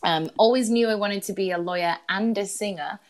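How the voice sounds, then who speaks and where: A woman in her thirties with a Yorkshire accent, chatting as an interview guest about her career, self-deprecating and quick to laugh. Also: medium pitch. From Yorkshire, England. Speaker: guest, employment lawyer. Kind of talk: casual interview chat.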